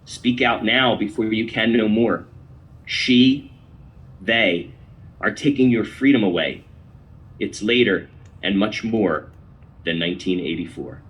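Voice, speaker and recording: A man's voice: lowish voice, slow, pauses often, a bit bright, rough recording. A man hosting a podcast, giving opinion commentary and reading a poem aloud in an emphatic, declamatory way. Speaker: podcast host.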